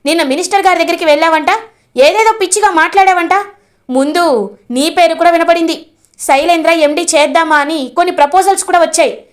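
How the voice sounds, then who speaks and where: A woman doing a stern scolding father. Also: extremely high pitch. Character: stern middle-aged father, harsh.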